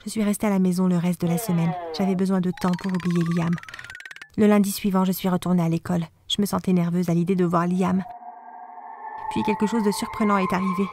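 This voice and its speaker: A woman reading a first-person animated story in a scripted, dramatic way. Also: fairly low pitch, brisk, slight background noise.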